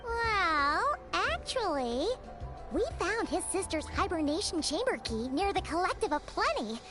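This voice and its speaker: A woman's voice: very high voice, very animated, measured pace, full character voice. A woman voicing a tiny, chatty fairy girl companion who talks about herself in the third person, in a video game. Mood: chirpy. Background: game music.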